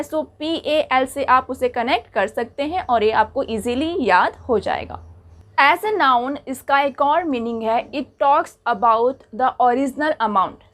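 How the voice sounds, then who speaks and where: A woman teaching English vocabulary, spelling out words letter by letter and switching between English and Hindi. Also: sits high. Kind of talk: bilingual vocabulary lesson.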